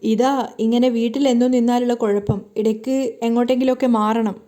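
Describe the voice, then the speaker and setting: Narrator doing a young husband, worried and impatient, mellow voice. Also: female voice, fairly high pitch, fairly even intonation, brisk, close to an everyday voice.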